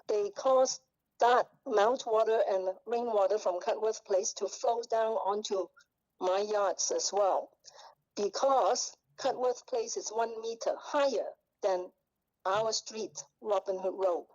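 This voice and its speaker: A woman's voice: medium pitch, slow pace, a little mellow. A woman speaking over a speakerphone held up to a microphone, giving a formal but hesitant statement as a neighbor at a public hearing. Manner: hesitant, with many fillers and restarts. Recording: muffled speakerphone sound through a microphone.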